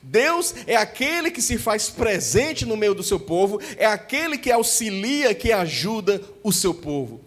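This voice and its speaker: A Brazilian man with a northeastern accent, preaching a youth-service sermon as pastor and slowing down to stress sacred names. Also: high-pitched, very animated, a bit bright. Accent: Brazilian Portuguese, northeastern. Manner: teaching, slows to stress holy names.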